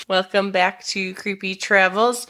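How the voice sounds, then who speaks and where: A woman's voice: mid-range voice, fairly even intonation, takes it slowly, pushed and bright. A woman co-hosting a podcast, chatting in a playful, teasing way and laughing often. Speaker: podcast co-host. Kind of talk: casual podcast chat.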